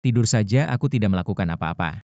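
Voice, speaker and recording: A man dubbing a cold, composed lawyer in a short drama, speaking calmly in clipped lines. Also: fairly low pitch, fast talker, no room sound, dull audio. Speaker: dub actor.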